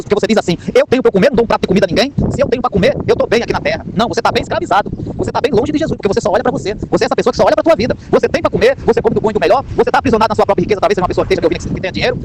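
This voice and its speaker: Rapid-fire, high-voiced man preaching. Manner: fervent, repetitive, rhetorical questions. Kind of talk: informal street sermon. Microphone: phone. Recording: outdoor phone recording with traffic noise.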